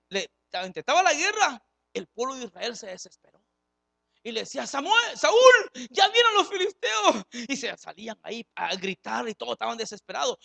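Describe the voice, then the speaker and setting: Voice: medium pitch, creaky, pushed and bright, no room sound. A preacher giving a sermon, speaking with passion, acting out the dialogue of biblical figures and questioning the congregation directly. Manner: impassioned, acts out biblical dialogue. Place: church service, streamed live.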